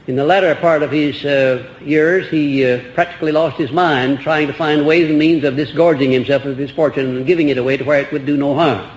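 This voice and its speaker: An older man's voice comes from an old archival lecture recording, pitched a bit high for a man. The room rings with echo and a faint hiss sits underneath. He talks earnestly, rambling with restarts and rhetorical questions to his audience. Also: fairly even intonation, brisk, hardly any pauses.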